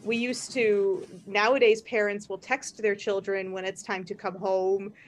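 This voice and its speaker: A woman's voice: mid-range voice, flat delivery, a little slow, slight background noise. A woman hosting a podcast, chatting casually, rambling with frequent laughs and restarts. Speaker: podcast host. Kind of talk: casual chat.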